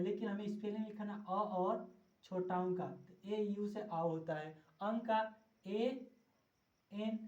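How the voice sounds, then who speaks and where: Slow, patient woman teaching spelling. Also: mid-range voice, darkish tone. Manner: patient, repeats sounds slowly, explanatory. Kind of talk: slow step-by-step spelling lesson. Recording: dull, echoey room.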